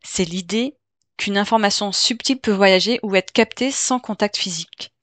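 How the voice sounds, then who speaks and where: A woman hosting a solo podcast as a life coach, explaining calmly with frequent fillers, hesitations and self-corrections. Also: mid-range voice, normal speed, dry recording.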